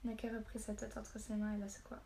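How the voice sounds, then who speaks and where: A woman narrating a story in a steady, measured reading voice. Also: medium pitch, slight background noise. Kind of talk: audiobook narration.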